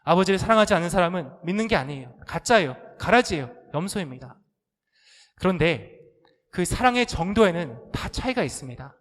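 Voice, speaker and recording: A male pastor delivers a sermon in a high voice, carried by the long reverb of a church sanctuary. He puts questions straight to the congregation and slips into pleading, aggrieved prayers to make his point. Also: big pitch swings, a little fast, fairly bright tone. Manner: acts out complaining prayers with rising, pleading intensity; asks the congregation direct questions.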